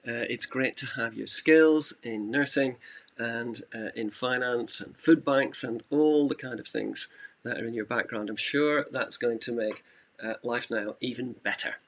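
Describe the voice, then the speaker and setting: A man's voice: medium pitch, unhurried, fairly bright tone. A man hosting a charity live stream, thanking the guests in a friendly way. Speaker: charity presenter.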